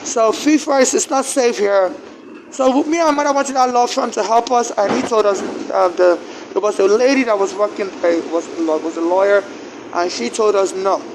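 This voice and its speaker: Speaking English as a second language, a man from Nigeria relates a personal account in a high voice and Nigerian accent, stumbling over repeated words and restarts. Noise fills the background.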